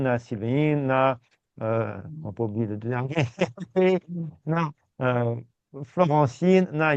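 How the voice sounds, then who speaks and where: A man teaching a language class, reassuring his students and repeating words slowly. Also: medium pitch, no echo. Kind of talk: patient step-by-step class. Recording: dull, dry sound.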